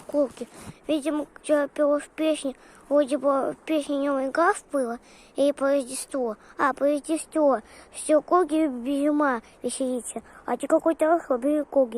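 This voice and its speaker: Woman as a high-pitched chatty corgi puppy. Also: a little mellow, lightly acted. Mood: playful singsong. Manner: childlike, rambling, singsong. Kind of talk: improvised pet role-play vlog.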